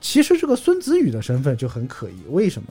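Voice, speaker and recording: A man hosting a casual podcast chat, retelling old novel episodes in a lively storytelling way with jokes. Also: fairly high pitch, quick pace, husky, faint music behind. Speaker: podcast host.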